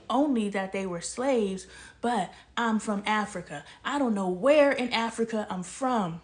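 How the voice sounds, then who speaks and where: A vlogger from El Paso, Texas, offers a casual monologue of spiritual commentary in a fairly high-pitched voice. She speaks passionately, poses rhetorical questions, and now and then sinks to a near-whisper.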